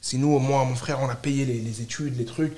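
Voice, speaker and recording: This French podcast guest, who founded a startup, has a mellow, medium-pitched voice with fairly even intonation and a normal speaking speed. The conversation is casual and animated, with emphatic bursts of repeated short phrases, and the sound is reverberant.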